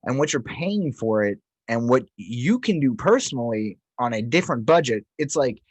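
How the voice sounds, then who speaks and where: A man's voice: medium pitch, animated, normal speed, slightly rough, no echo. A man riffing earnestly on a podcast, with plenty of filler "likes". His voice has a light husk, and it is recorded close and dry. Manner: rambling, earnest, heavy on "like". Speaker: podcast co-host. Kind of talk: casual podcast banter.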